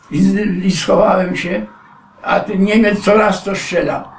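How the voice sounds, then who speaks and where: A man in his nineties, a war veteran, recalling his wartime past in a rambling oral-history interview and often addressing the interviewer as sir. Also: high voice. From Poland. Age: 90s. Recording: echoey room, distant mic.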